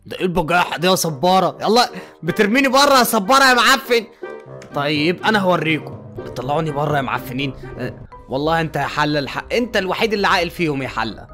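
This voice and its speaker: A man's voice: fairly high pitch, big pitch swings, fast, bright, forceful tone, soft background music. A man with an Egyptian accent voicing an exasperated male doctor at an asylum, scolding and then coaxing his patients. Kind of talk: fan-made game movie voice acting.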